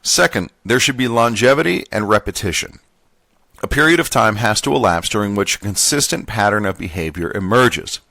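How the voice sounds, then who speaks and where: A man hosting a podcast, reading a labor contract manual aloud word for word in a plain, steady voice, now and then stumbling and correcting himself. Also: fairly low pitch, brisk, creaky, no echo. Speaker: podcast host.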